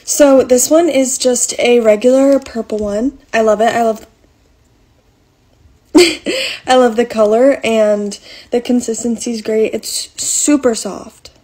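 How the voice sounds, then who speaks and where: A woman's voice: a little high, steady tone, moderate pace, dark tone. Bubbly young woman reviewing products. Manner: bubbly, chatty, with many likes. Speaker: social media creator. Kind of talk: casual product review vlog.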